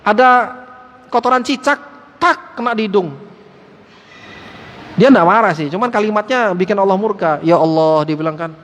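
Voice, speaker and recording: A male Islamic teacher giving a lively study-circle sermon in a mosque, joking with the listeners and calling them Pak and antum. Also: high-pitched, moderate pace, pauses often. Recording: echoey hall with faint background noise.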